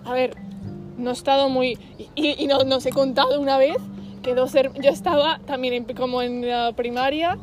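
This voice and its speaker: High-voiced woman telling stories. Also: normal speed, soft background music. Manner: animated storytelling with slang fillers. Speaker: podcast co-host. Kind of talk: casual chat.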